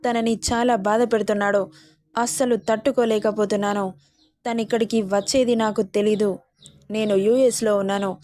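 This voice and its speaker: A woman's voice: mid-range voice, little pitch movement, moderate pace, a little mellow, natural voice. A woman voicing a hot-tempered young man angrily defending his sister in a storybook. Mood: angry. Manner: angry, warning.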